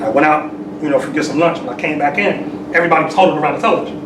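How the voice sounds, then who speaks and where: Casting: man in his forties, high-pitched, streetwise sermon delivery, recorded from afar. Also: racing, far from the mic. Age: 40s. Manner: streetwise, peppered with "you know what I'm saying". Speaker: temple sheik. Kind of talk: conversational sermon. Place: temple hall. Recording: echoey room, mic from afar, hissy.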